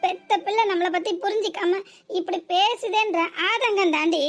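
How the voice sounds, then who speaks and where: A woman's voice: very high voice, moderate pace, faint music behind. A woman voicing a worried, scolding middle-aged mother in a cartoon comedy, with a southern Tamil Nadu accent and a nagging, exasperated way of talking.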